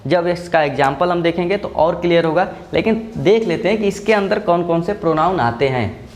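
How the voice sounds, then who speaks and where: A male school teacher giving a slow classroom grammar lesson. He explains step by step and keeps checking that the class follows. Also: fairly high pitch, animated.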